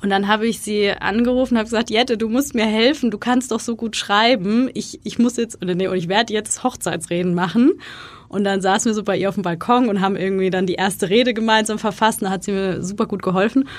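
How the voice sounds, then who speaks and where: A woman's voice: medium pitch, steady tone, fast, no room sound. A woman guest in a casual interview, chatting freely and acting out little quoted exchanges as she tells her stories. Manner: chatty storyteller, acts out quoted dialogue. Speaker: guest, freelance consultant and wedding speaker.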